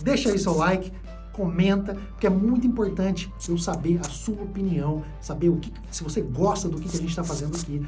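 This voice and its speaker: A man's voice: high-pitched, a little fast, mellow, soft background music. A man teaching an online English lesson, explaining patiently and often checking in with short tag questions. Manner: explanatory, repeats key points, frequent "né?" and "tá?" checks.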